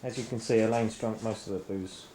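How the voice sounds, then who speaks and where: A man's voice: on the low side, steady tone, fairly quick, mellow, slight background noise. A man filming at home, giving jokey, teasing commentary in his kitchen, heard on an old camcorder tape. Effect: old camcorder tape sound. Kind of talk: casual home-video commentary. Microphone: built-in camcorder mic.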